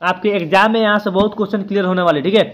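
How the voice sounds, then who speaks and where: A man's voice: high-pitched, fairly even intonation, racing, a bit bright. A man teaching a casual exam-prep lesson, chatty, thinking aloud and correcting himself as he goes. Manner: chatty, keeps adding "ठीक है" after points.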